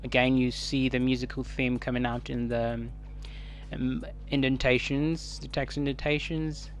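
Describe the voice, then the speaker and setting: A man with a Kenyan East African accent giving casual unboxing commentary as a tech reviewer, haltingly thinking aloud. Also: medium pitch, little pitch movement, a little hiss or hum. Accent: Kenyan English. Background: music.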